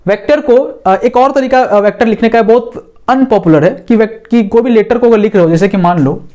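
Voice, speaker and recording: A male physics teacher talks a class through a lesson in a high, easy voice. He draws on the board as he explains. He often pauses to check that everyone understands. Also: mellow. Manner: talks while drawing on a board.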